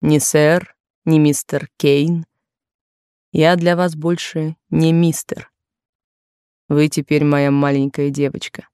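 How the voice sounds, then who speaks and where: A woman voicing an insistent, possessive wealthy man courting a young maid, in a lowered, slow, pressing voice in a dry studio recording. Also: flat delivery, warm tone, smooth, dry recording.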